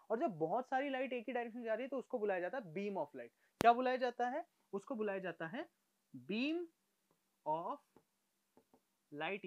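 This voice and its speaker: A male science teacher giving a demonstration lesson. He talks straight to the viewer in a lively, coaxing way, asking questions and answering them himself. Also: very high voice. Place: room he darkens and lights for the demonstration.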